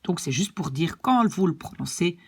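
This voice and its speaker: A woman's voice: fairly low pitch, expressive, moderate pace, darkish tone, husky. A woman teaching a language lesson, explaining patiently and checking in with "d'accord?".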